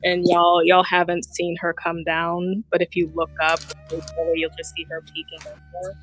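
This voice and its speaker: A tabletop game player speaks slowly over a headset mic on an online call. The delivery is unhurried and halting, with repeated words as they describe their character's actions. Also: medium pitch, monotone, fairly bright tone, slight background noise, low-quality recording. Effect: talking through a headset mic on an online call.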